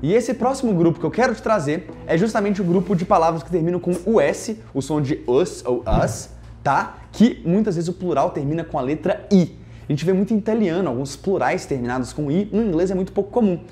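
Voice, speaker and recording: Lively, animated Brazilian teacher. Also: male voice, high voice, brisk, faint music behind. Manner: lively, jokey, playful asides. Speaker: English teacher. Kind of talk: casual online English lesson.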